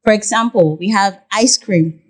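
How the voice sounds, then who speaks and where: A young woman with a Nigerian accent, a podcast guest who explains at length in an animated way, with many "like" fillers. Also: medium pitch, normal speed. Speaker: guest, content creator. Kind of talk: podcast interview.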